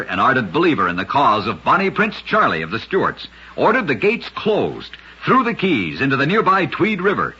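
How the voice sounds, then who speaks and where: A male radio narrator with a raspy, mid-range voice tells short scripted tales in a very animated, swooping style with a bright edge. Like a host from a vintage broadcast, he leans on dramatic emphasis, and the audio is dull and lo-fi.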